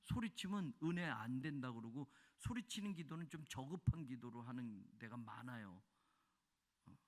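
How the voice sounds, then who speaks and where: A male pastor preaching a sermon. He swings from shouting fervor to quiet, chatty asides. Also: medium pitch, animated, moderate pace. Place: church sanctuary. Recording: long reverb of a church hall.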